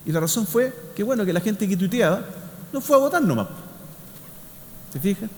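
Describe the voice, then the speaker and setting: A man's voice: high voice, expressive, normal speed. A man with a Chilean accent giving a public science talk in a didactic way, often checking in with short tag questions. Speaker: speaker, scientist. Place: large indoor hall before an audience. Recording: echoey hall, faint noise.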